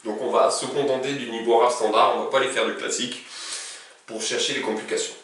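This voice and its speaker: A man's voice: mid-range voice, fairly even intonation, quick pace, a bit bright, recorded from a distance, slight background noise. A man teaching a casual language lesson, talking informally and reciting verb conjugations in a row. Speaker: Arabic teacher. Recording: very echoey room, speaking from away from the mic.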